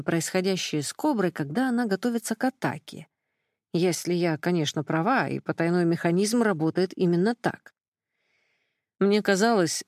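Calm woman reading an audiobook. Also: on the low side, no echo, clean studio sound. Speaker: audiobook narrator. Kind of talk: first-person audiobook narration.

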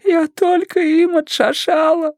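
A man voicing a tearful, frightened young woman who sobs in a high, slow, wavering voice. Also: little pitch movement, no echo, studio quality. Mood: sobbing. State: sobbing.

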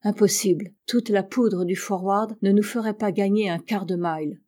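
A woman's voice: mid-range voice, fairly even intonation, normal speed, dark tone, natural voice. A woman reading the lines of a proud, stern male ship captain in an audiobook, curt and severe. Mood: stern, bitter.

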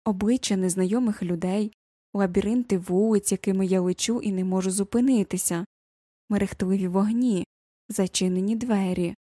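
A woman reading a first-person novel aloud as an audiobook narrator, measured and reflective. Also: mid-range voice, steady tone, dark tone, dry recording, clean studio sound.

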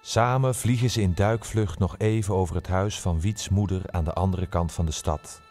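Low-voiced male stage narrator. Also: fairly even intonation, moderate pace, darkish tone, soft background music. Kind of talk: storytelling narration in a stage play.

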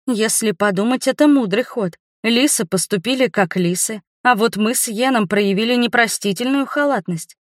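A woman narrating a fantasy novel in the first person, with lively, ironic storytelling. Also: medium pitch, no room sound, clean studio sound. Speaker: audiobook narrator.

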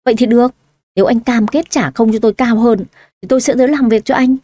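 Woman doing a cheeky sharp-tongued young woman, highish voice, dry close audiobook sound. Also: fast talker, dry recording, lightly acted. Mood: indignant. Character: bold young woman posing as a lost daughter.

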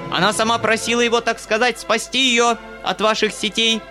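Мужчина играет властную мать-дворянку, вопящую от злости; высокий, звонкий и напряжённый тембр, напористая речь. Вдали еле слышна музыка. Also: male voice, very high voice, level tone, a little fast, sharp tone, faint music behind, voice pushed up. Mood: shrieking fury. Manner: shrieking, scolding. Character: shrill furious noblewoman, domineering mother.

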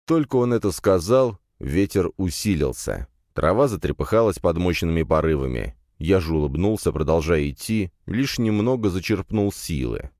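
Male first-person narrator, deep and expressive, dry studio read. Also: moderate pace, hardly any pauses, no room sound. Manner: steady first-person storytelling. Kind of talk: fantasy audiobook narration.

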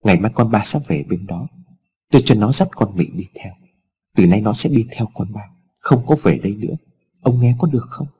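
A man's voice: on the low side, expressive, brisk, dark tone, breathy edge. A man voicing a distraught old mother in a told story, speaking in a wailing, anxious way.

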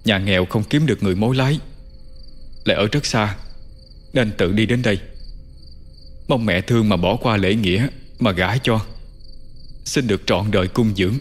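Man as earnest young suitor, low soft voice, faint music. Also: moderate pace, long pauses, natural voice.

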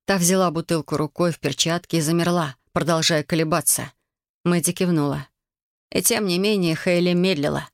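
An audiobook narrator reading a tense scene in measured, even storytelling. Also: mid-range voice, dry recording, studio quality. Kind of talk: scripted narration.

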